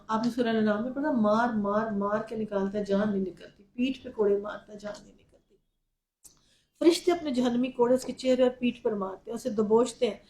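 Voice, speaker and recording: A woman's voice: fairly high pitch, mellow, roomy sound, low-quality recording. A woman with a Pakistani Urdu accent giving a Quran lesson as a religious lecture, telling it vividly with a personal story. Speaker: Quran teacher.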